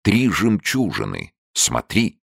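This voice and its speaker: A man reading an audiobook and voicing a brash young man who shows off his courage, bold and chivalrous, sharp when challenged. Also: sits low, huge pitch swings, slow pace, vocal fry, no room sound, studio quality, pitched above the performer's own voice, full character voice. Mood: gallant.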